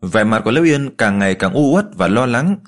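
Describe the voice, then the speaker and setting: A man reading a fantasy story aloud in steady, even scripted narration. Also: medium pitch, a little fast.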